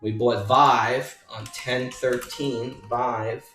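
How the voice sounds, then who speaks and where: This stock chart walkthrough comes from a trading educator and newsletter author who talks slowly, emphatically and repetitively, calling viewers folks. His mid-range voice is flat and fairly bright, recorded from a distance in an echoey room with faint music.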